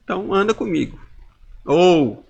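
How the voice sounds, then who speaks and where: A man's voice: high-pitched, animated, a little slow, vocal fry, breathy edge, dull audio. A man in his forties giving an emotional personal testimony as a podcast guest, acting out inner dialogues with intensity. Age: 40s.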